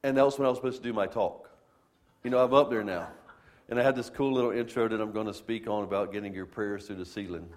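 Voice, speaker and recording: A man's voice: on the low side, fast talker. A man, a pastor, preaching a sermon and telling a funny, self-deprecating story to his congregation. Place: church.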